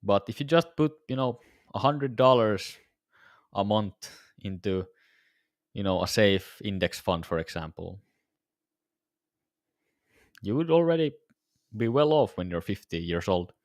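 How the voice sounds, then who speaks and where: A man's voice: lowish voice, expressive, measured pace, long pauses, no echo, clean studio sound. A tired man casually talking to viewers during a live trading stream, his voice a little worn. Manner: laid-back, musing, talks to viewers. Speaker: day-trading livestreamer.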